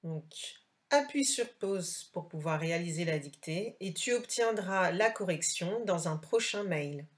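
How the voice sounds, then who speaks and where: A woman teacher, recording a slow dictation lesson for a child and carefully articulating each word. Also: on the low side, animated.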